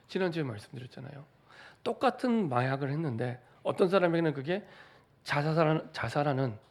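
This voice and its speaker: A man's voice: a little high, gravelly, a little mellow. A middle-aged man, a pastor, giving a Sunday sermon in a church, repeating phrases for emphasis and asking the congregation rhetorical questions. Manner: repetitive, building emphasis. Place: church sanctuary.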